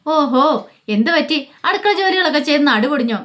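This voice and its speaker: A woman's voice: high voice, expressive, a little fast, a bit bright, pitched above the performer's own voice. A woman voicing a defiant young wife who answers back with cutting, mocking replies, in a spoken storybook.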